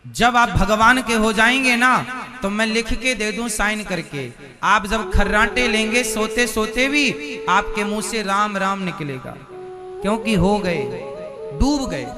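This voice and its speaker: High-voiced male preacher asking questions. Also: measured pace. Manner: rhetorical questions to the audience, folksy and teasing. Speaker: spiritual preacher. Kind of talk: devotional sermon. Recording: music playing under the speech.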